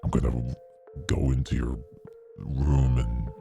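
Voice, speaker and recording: Sinister possessed demon, played by a male streamer, horror character, extremely low processed voice over music. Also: flat delivery, slow pace, creaky, dark tone, full character voice. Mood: menacing. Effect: demonic deep voice changer.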